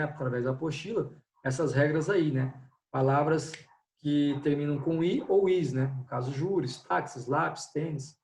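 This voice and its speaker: A man teaching an online Portuguese class who explains step by step and often checks in with his students. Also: on the high side. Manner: explanatory, repeats "né?" and "pessoal". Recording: echoey room, distant from mic.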